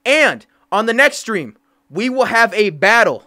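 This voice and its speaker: A young man hosting a livestream, talking fast and slangy while thanking donors. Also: high-pitched, sing-song, bright, forceful tone. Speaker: livestream host. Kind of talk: casual livestream chat.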